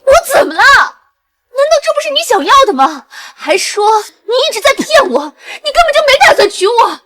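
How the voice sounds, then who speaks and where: Spiteful scheming mistress, very high voice, lively sneering delivery. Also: female voice, fairly quick, heavily acted. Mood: indignant. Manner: sneering, taunting, shrill. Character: arrogant cruel young mistress, scheming and spiteful. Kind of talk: short drama acting.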